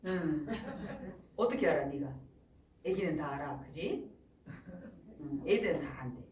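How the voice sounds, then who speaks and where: A woman's voice: low voice, a little slow. Middle-aged lady preaching, voice jumps all over, echoey and kinda far from the mic. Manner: animated storytelling, acts out voices. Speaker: pastor. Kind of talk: sermon. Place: church.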